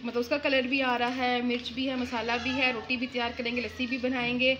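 A woman's voice: fairly high pitch, level tone, a little fast, background noise. A woman from Punjab, hosting a cooking show and chatting eagerly to viewers while prompting her mother. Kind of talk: casual cooking-show presenting.

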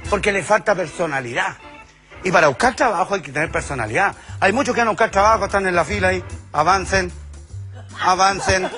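A man in his fifties with a Chilean accent doing a crude, loud stand-up routine, slipping into quick character voices. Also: high-pitched. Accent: Chilean Spanish. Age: 50s. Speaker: stand-up comedian.

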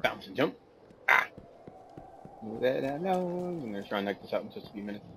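A man giving casual, goofy commentary over his gameplay, easily distracted and quick to laugh. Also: mid-range voice, lively intonation, creaky, very noisy. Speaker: gameplay video host.

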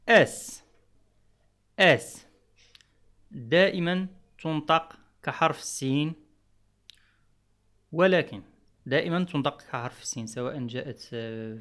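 A man's voice: on the high side, fairly bright tone. A man teaching French letter sounds in Arabic, patiently repeating each example word. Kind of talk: explaining pronunciation rules.

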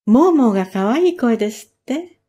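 A woman reading a storybook aloud and voicing a proud, chirpy mother songbird in a lifted, gently boastful voice. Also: fairly high pitch, animated, a little fast, slightly rough.

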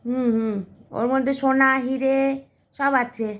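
A woman's voice: high-pitched, little pitch movement, a little slow. A woman at home talking to her pet dog, coaxing and scolding it in a sing-song way, recorded on a phone. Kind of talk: casual talk to a pet dog. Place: home indoors.

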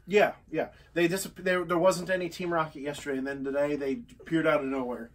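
A man's voice: on the high side, flat delivery, a little fast, far from the mic. Chatty, argumentative man co-host. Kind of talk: casual podcast chat.

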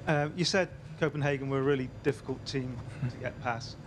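A man's voice: medium pitch, a little fast. Guy reporter asking a question, lots of ums, noisy room. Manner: hesitant, filler-laden questioning. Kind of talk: press conference question.

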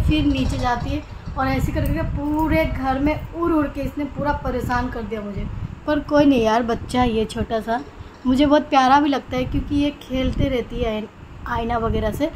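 A woman's voice: sits high, darkish tone, a little hiss or hum, poor audio. A young woman chatting casually in a home vlog, rambling fondly about her pet bird. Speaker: vlogger. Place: home, indoors.

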